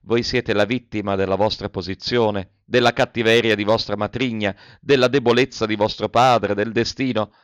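A man reading the lines of a gentle, sorrowful young man in a storybook, soft and hesitant. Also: on the low side, fairly even intonation, normal speed, few pauses, smooth, no echo, close to an everyday voice. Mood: earnest. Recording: dull, dry lo-fi audiobook recording.

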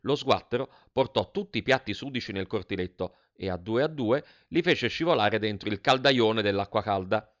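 A man narrating a children's novel in a lively, expressive storytelling manner. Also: on the low side, moderate pace, hardly any pauses, lo-fi sound.

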